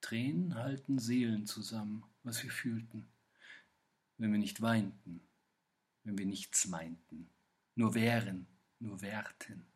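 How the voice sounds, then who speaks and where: A man reads literary poetry aloud in a measured recitation, pausing between phrases. His voice is somewhat low and husky, and his delivery is unhurried. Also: steady tone. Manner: slow, measured recitation with pauses. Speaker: reader.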